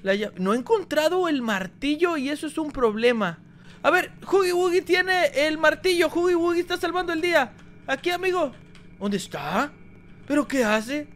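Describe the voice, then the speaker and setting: A man giving energetic gameplay commentary, talking straight to his viewers. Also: very high-pitched, moderate pace. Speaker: gaming YouTuber.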